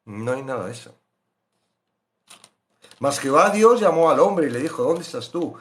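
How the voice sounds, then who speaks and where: A man preaching a sermon, animated, swinging loud questions to hushed asides. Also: medium pitch, moderate pace. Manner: acts out biblical voices in quoted asides.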